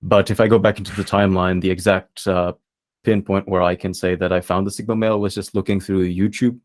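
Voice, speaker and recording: The podcast guest, a young man from the Philippines, has a low-sitting voice and a flat delivery. He chats casually and thoughtfully, with frequent pauses and fillers.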